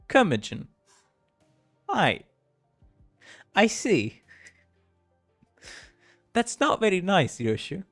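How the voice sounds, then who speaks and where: A man's voice: a little high, no echo. A man livestreaming a game, chatting casually and reading the dialogue aloud, laughing often and tripping over words.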